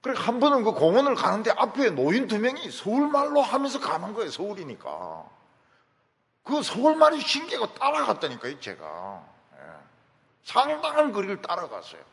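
Man, pastor, sermon, emphatic storytelling, slightly high voice, long church reverb. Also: huge pitch swings, normal speed, creaky, fairly bright tone.

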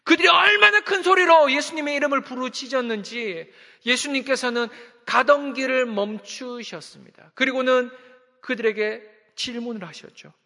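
A man's voice: very high voice, moderate pace, gravelly, pushed and bright. A male pastor preaching a sermon in an earnest manner, posing rhetorical questions and repeatedly appealing to his congregation. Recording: long reverb of a large hall.

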